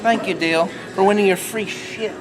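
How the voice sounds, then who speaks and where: A man's voice: sits high, fairly even intonation, a little fast, music in the background. A man chatting casually and bluntly, with plenty of swearing, while working out in an echoing gym. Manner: ranting, blunt, profane. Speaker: amateur bodybuilder. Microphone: camera filming in the gym.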